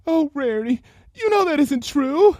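A woman's voice: sits high, lively intonation, normal speed, a little mellow, dry recording, clean studio sound, voice pushed up. A woman voicing a timid young female pegasus pony, stammering and pleading. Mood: frightened, pleading.

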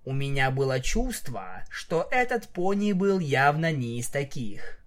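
A storyteller reading a fan story aloud at an unhurried pace. The voice rises and falls a great deal as the reader moves through narration and acted lines. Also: medium pitch. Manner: slow, lively storytelling with voiced dialogue.

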